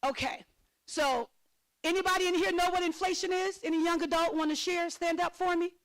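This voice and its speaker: A woman presenting a financial literacy workshop, lively and excitable, laughing often and calling on audience members by name. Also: very high voice, brisk, low-quality recording. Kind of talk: interactive workshop teaching.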